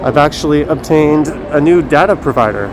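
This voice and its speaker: A man chats casually and haltingly on a live stream, speaking through a face mask. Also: on the high side, over music. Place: outdoors in a windy downtown city square. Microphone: phone on a gimbal. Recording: noisy windy city street, traffic.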